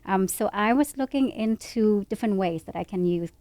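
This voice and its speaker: A woman in her forties who grew up in Poland, a podcast guest speaking in a thoughtful, measured way with frequent pauses. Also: mid-range voice, warm tone, no echo. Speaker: guest, public health researcher. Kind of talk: podcast interview. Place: studio set with a couch.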